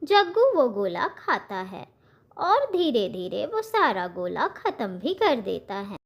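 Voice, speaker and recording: A woman narrating a children's cartoon story in a plain, measured way. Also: fairly high pitch, huge pitch swings, gravelly.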